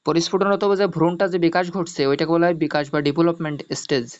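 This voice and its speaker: A man's voice: fairly high pitch, rapid-fire. A male teacher gives an online zoology lesson, explaining step by step, repeating mnemonics and checking that students follow. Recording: dull lo-fi audio.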